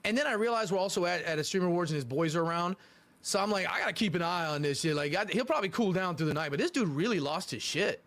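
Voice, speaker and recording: Fast, high-voiced man telling a rambling story. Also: lively intonation, a bit bright. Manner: rambling, repeats himself, stumbles over words. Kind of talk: casual storytelling.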